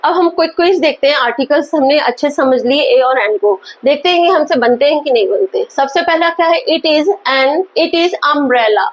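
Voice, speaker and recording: Her pitch high, a woman teaches English grammar through Hindi by asking questions and then responding herself. The example sentences are read slowly and spelled out.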